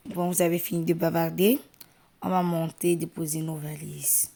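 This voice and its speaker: A woman voicing a calm, slightly bossy rich mother. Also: deep voice, normal speed, vocal fry.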